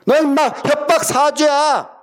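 Very high-voiced man, cursing and hectoring. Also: fairly even intonation, takes it slowly. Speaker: caller in a heated argument. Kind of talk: angry phone argument.

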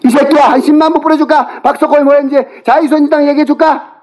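Furious high-voiced man berating someone. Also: steady tone, fast, poor audio. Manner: shouting, berating, hurling insults. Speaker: caller in a phone argument. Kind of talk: heated phone argument.

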